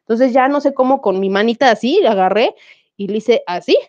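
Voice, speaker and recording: A Mexican woman in her thirties talks as a guest and tells her story in a relaxed, easy way, acting out what people said to her. Her voice is mellow and a little dark. The audio sounds slightly muffled, like it came over a call. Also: on the high side, fairly quick. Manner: animated, acts out quoted dialogue. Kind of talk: casual conversational storytelling.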